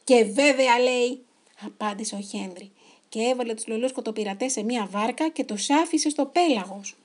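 A woman reading a children's story aloud in an expressive, animated way. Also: on the high side.

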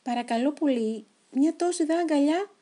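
A woman's voice: high voice, mellow, voice pushed up, natural voice. A woman voicing a small, lonely, spiky male creature in a storybook reading, asking politely and pleading. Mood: begging.

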